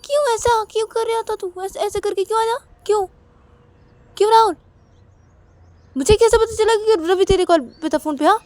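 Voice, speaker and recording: A woman voicing an indignant older sister in a home-made storybook tale, scolding with shrill questions. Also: big pitch swings, normal speed, no echo.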